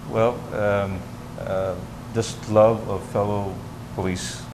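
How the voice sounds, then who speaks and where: A man's voice: on the low side, level tone, slow, noisy background. A man who grew up in Manila, a police officer giving brief, modest answers in a TV interview. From Philippines.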